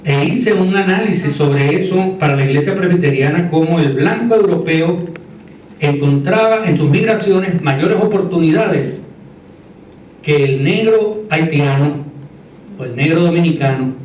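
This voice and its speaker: A man's voice: fairly high pitch, unhurried. Male conference speaker, Puerto Rican Caribbean Spanish accent, conversational and emphatic through repetition; very roomy sound with faint noise. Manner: conversational, repeats words for emphasis, seeks agreement. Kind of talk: informal conference lecture with asides. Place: echoey indoor conference room. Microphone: distant microphone. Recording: echoey room, distant dull mic, faint noise.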